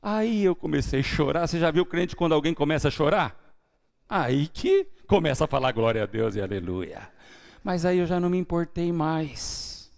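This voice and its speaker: Fairly high-pitched with vocal fry, a male pastor with a Brazilian Portuguese accent delivers a sermon in church at a moderate pace. Recounting his testimony, he shifts between hushed passages and loud, lively ones.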